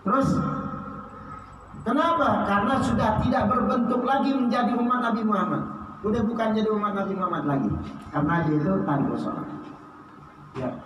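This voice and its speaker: A man preaching and telling a story. His voice sits a little high, and he swings between loud high exclamations and low hushed lines. He is recorded from a distance in a long, echoing hall with clear background noise. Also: brisk, pauses often. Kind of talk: sermon storytelling. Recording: echoey hall, heard from a distance.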